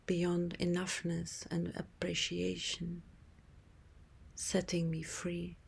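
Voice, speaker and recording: A yoga teacher guides a relaxation meditation in a soft, breathy half-whisper, soothing and unhurried with long pauses. Her voice is lowish and monotone, with music in the background.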